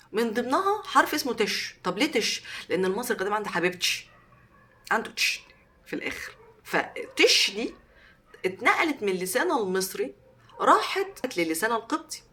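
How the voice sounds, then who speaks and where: Animated Egyptian woman explaining to camera. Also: mid-range voice. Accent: Egyptian Arabic. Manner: animated, stresses each word as she lists them. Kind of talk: educational talk to camera.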